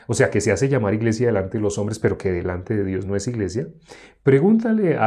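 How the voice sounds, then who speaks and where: A man preaching a sermon, teaching with rhetorical questions and emphatic swings in pitch. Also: warm tone.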